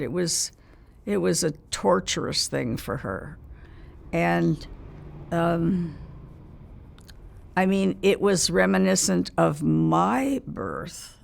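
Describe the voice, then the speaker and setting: A very old woman in her nineties reminiscing in a casual interview, speaking haltingly in short phrases with pauses mid-sentence. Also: fairly low pitch, darkish tone. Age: 90s. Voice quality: very old woman's gravelly, creaky voice.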